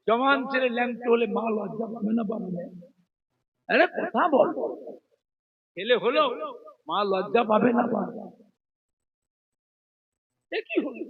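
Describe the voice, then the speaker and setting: A man preaching a storytelling sermon, acting out the people in the story and slowing into drawn-out shouted chant at the high points. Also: slightly rough. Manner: acts out a mother's and son's speech in the story; slows into drawn-out, shouted sung chant at climaxes. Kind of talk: Bengali waz sermon, storytelling. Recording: muffled lo-fi sermon recording.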